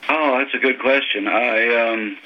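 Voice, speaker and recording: An older man from Texas, a former diver, recalling his youth in a phone interview, talking unhurriedly with many pauses and ums. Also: medium pitch. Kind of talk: phone oral history interview. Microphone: telephone. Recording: muffled phone line with faint noise.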